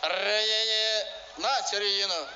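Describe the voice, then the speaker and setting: A man's voice: high-pitched, steady tone, measured pace. A man, a military officer, projecting a formal ceremonial address and report. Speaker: military commissar, colonel reviewing the parade. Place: large outdoor square at a parade. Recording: echoey outdoor square, dull, noisy.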